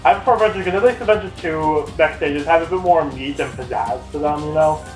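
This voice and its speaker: A young man commentating gameplay in casual chat, excitable and loud, laughing often. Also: on the high side, a little fast. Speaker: let's play commentator. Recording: echoey room with faint game music. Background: faint game music.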